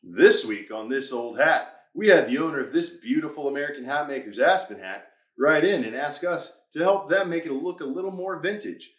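A man's voice: a little high, fairly quick, hardly any pauses, roomy sound. A man hosting a hands-on craft tutorial, who talks upbeat through each step. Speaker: host.

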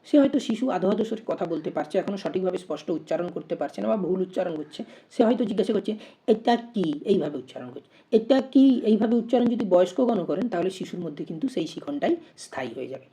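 A woman's voice: fairly low pitch, lively intonation, quick pace, warm tone. A woman teacher going through exam practice questions step by step, often asking herself "why?" before she explains. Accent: Bengali. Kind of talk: exam-prep lesson.

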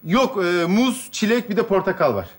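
An actor playing an exasperated young husband stuck at home, grumbling and sarcastic in a stage comedy sketch. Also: male voice, sits high, big pitch swings, normal speed. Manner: grumbling, sarcastic, laughing through lines.

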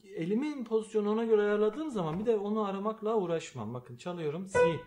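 A man giving a slow, patient piano lesson, calling out note names as he plays. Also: sits high, expressive. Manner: calls out note names while playing, explains patiently. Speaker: piano teacher. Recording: piano music under the voice. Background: piano playing.

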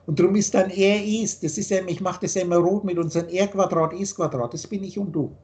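A man's voice: high-pitched, quick pace, a little mellow. A man teaching spiritual ideas over a video call, emphatic and lecturing, often rephrasing his points.

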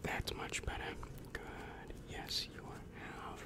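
A young ASMR performer whispers as a demon counselor, his breath audible as he softly asks questions. The setting is a small, dim indoor room, and a large microphone sits very close to his mouth, catching his slow, measured delivery.

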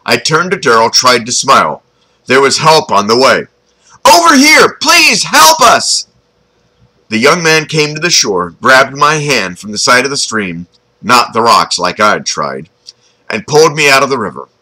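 A man's voice: mid-range voice, lively intonation, moderate pace, sharp tone, low-quality recording. A man reading his own story aloud, chatty and informal, breaking off for asides and jokes to the listener. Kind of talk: storytelling narration.

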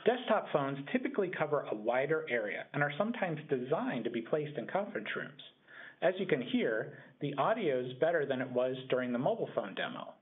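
Heard over a muffled, lo-fi speakerphone in a small meeting room, a middle-aged man presents a scripted demonstration. He talks a little fast in a husky, sing-song voice pitched a little high.

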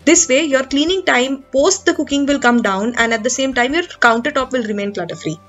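A woman's voice: sits high, a little fast, a bit bright, highs cut off, faint music behind. A young woman from India giving kitchen cleaning tips in a conversational voice-over, with frequent fillers and restarts. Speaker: home vlogger.

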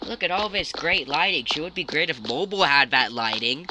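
A man's voice: on the high side, animated, fairly quick, noisy background. Chatty man commentating a phone game. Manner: chatty, explains the game to viewers. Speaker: gaming commentator. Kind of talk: casual let's-play commentary.

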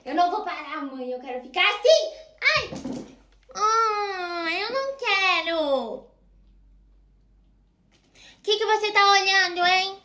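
Woman doing a very high bratty little girl. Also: animated, slow, long pauses, sharp tone, exaggerated voice. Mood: whiny tantrum. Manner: whiny, taunting, sulky. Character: bratty spoiled little girl, rude and defiant. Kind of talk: comedy sketch role-play.

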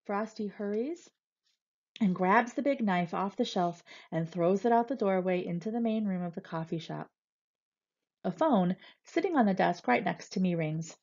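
A woman reads a first-person novel aloud in a steady, expressive storytelling voice. Her voice sits at a middle pitch. The recording sounds slightly dull and lo-fi. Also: moderate pace. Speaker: reader.

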